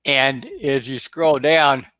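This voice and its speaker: Halting man on a video call. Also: medium pitch, fairly even intonation, bright, forceful tone, clean tone, dry recording. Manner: halting, many "uh" fillers and restarts. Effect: heard over a video call. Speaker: guest presenter. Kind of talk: casual explanation on a webinar.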